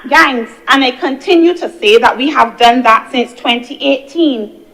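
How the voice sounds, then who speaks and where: A woman's voice: a little high, fairly bright tone, low-quality recording. A young woman giving an earnest parliamentary speech as a senator, building her points through repeated phrases. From Barbados. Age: young adult. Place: senate chamber.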